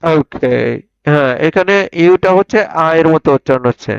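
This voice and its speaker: A man teaching an online pronunciation class, sounding out words slowly and having students repeat them. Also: a little high, clean tone, dry recording. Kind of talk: online spoken English class. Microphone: online video call. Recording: dull lo-fi online call audio.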